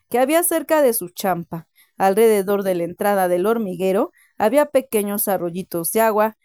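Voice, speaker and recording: A woman reading a story aloud on community radio in an even, plain storytelling manner. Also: medium pitch, clean tone, no echo, studio quality. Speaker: radio reader.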